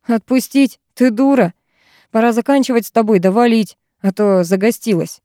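A woman's voice: a little high, moderate pace, warm tone, dry recording, clean studio sound, close to an everyday voice. A woman voicing a crude, brutal male kidnapper who snarls lewd threats, in a storybook reading. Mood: menacing.

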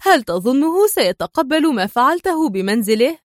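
A woman voicing a nervy, sharp-tongued young woman agent who sounds tense and snappish. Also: medium pitch, animated, fairly quick, gravelly, dry recording, clean studio sound.

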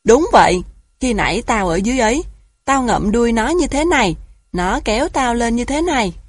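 A woman voicing a hungry, greedy male jackal in a storybook, with a husky voice. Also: fairly high pitch, expressive, moderate pace, dry recording. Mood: gloating.

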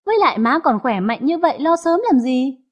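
A woman's voice: high voice, animated, fairly quick. A woman voicing a scheming young daughter-in-law, who stammers and pleads. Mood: coaxing.

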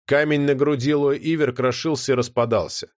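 A man narrating a fantasy audiobook in an expressive, dramatic reading. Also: mid-range voice, a little fast, no room sound, clean studio sound.

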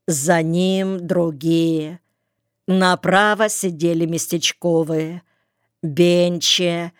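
A woman narrates an audiobook in a low, smooth voice, reading slowly with a calm, measured delivery. Her pitch stays even and flat throughout. The studio recording is dry and close, with no room sound. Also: no echo. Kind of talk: scripted narration.

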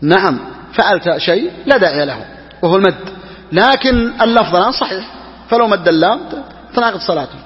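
A man teaching religious law as a sheikh, who talks quickly and repeats key phrases for emphasis. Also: high-pitched, expressive, big-room sound, lo-fi sound. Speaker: sheikh teaching Hanbali jurisprudence. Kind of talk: religious lesson explaining a text.

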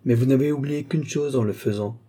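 A man's voice: mid-range voice, fairly quick, dark tone, voice pushed up, close to an everyday voice. A man reading an audiobook, voicing an eloquent middle-aged duke who pleads and declaims with fervour. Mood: impassioned.

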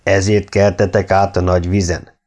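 A man voicing an impassive, dignified male ruler in an audiobook reading, calm and measured. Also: sits low, soft background music, close to an everyday voice.

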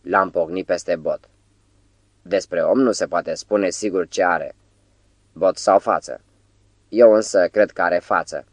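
A man voicing an anxious, gentle middle-aged patient who talks softly and pleadingly. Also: low-pitched, pauses often, no room sound, close to an everyday voice. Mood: uneasy.

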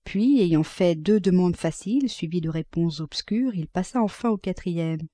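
A woman narrating a classic novel as an audiobook, reading at a measured, even pace. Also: on the low side, no echo, clean studio sound.

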